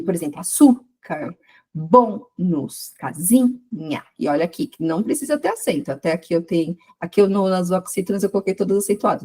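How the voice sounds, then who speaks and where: A woman teaching grammar, explaining patiently and drawing out example words slowly. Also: medium pitch, warm tone, husky. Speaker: Portuguese teacher.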